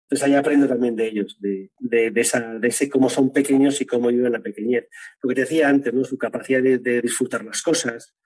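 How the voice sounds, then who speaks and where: Husky-voiced man, earnest. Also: mid-range voice, fairly even intonation, fairly quick, darkish tone, poor audio. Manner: earnest, tags phrases with "¿no?". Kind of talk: interview, faith testimony.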